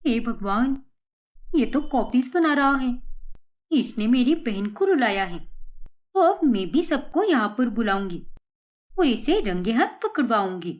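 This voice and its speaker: A woman's voice: on the high side, big pitch swings, unhurried. Pari, a woman voicing a resolute elder sister. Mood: determined. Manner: soothing, resolute. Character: young elder sister, calm and determined. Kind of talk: cartoon voice acting.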